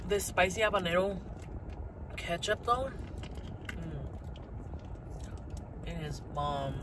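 A man's voice: high voice, expressive, takes it slowly, background noise. A man chatting casually while eating, talking with his mouth full, humming as he savors the food. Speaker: mukbang vlogger. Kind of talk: casual eating vlog chat.

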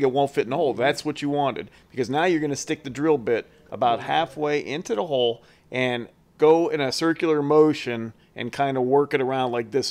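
A man hosting his carving channel, talking through a do-it-yourself build step by step in a casual, folksy voice-over. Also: mid-range voice. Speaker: chainsaw carver, channel host. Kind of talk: how-to voice-over.

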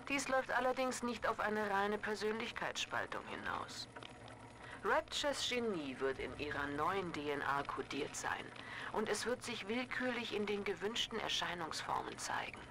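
A cold, calculating cult leader in a video game, lecturing in a measured tone. Her pitch rises and falls a lot. A steady hiss sits under the game audio. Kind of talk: German video game dub.

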